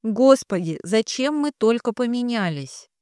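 A woman's voice: a little high, expressive, unhurried, mellow, smooth, no echo, clean studio sound, pitched above the performer's own voice. A woman voicing a distraught young woman in an audiobook, speaking in emotional outbursts.

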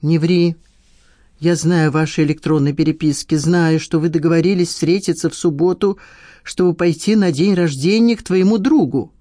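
An audiobook reader voicing a stern, sharp-tongued woman questioning a man. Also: on the low side, normal speed, dry recording, studio quality, close to an everyday voice. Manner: stern, pressing, irritated. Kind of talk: audiobook dialogue.

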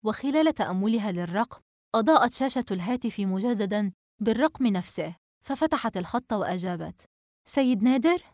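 A woman narrating a novel as an audiobook, in a steady, even storytelling manner. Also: mid-range voice, brisk, dry recording, clean studio sound.

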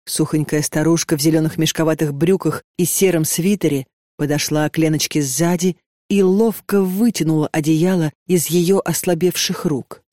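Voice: medium pitch, fairly even intonation, normal speed, mellow, dry recording, clean studio sound. A narrator reading a tense story as an audiobook.

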